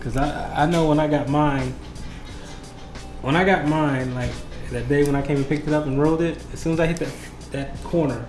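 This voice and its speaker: A man's voice: on the high side, fairly even intonation, normal speed, a little mellow. A man hosting a casual interview, speaking in a slangy, conversational, buddy-like way. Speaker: interviewer and host. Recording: roomy echo with music behind.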